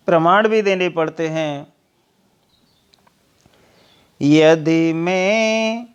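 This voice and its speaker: A man's voice: high-pitched, clean tone. A man teaching Hindi literature, explaining a poem line by line in plain words. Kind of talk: line-by-line poetry explanation lesson.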